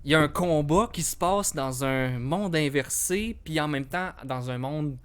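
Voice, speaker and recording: A man's voice: fairly high pitch, measured pace, clear, resonant tone. Hesitant young Quebec man. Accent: Quebec French. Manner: hesitant, restarts often, self-doubting. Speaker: podcast co-host. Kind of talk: casual film discussion.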